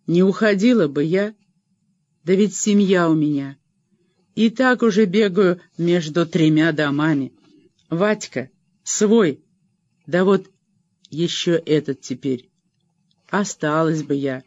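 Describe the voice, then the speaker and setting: Man voicing a soft-spoken pitying housemaid. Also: a little high, slow, long pauses, dry recording, highs cut off. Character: kindly worried middle-aged housemaid.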